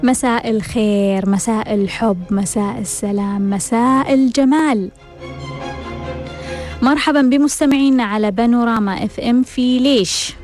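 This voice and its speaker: A woman's voice: on the high side, moderate pace, darkish tone, soft background music. A woman hosting a self-help radio talk, asking rhetorical questions and repeating them for emphasis. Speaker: radio host.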